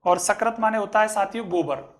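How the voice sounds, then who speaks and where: A man teaching a grammar lesson, reciting a verse slowly and then explaining it word by word. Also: extremely high pitch, pushed and bright.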